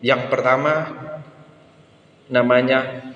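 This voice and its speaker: A man's voice: medium pitch, completely flat delivery, slow pace, fairly bright tone, muffled recording. An older man preaching a sermon at a church service, telling stories animatedly and acting out children's voices. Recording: echoey hall with faint noise.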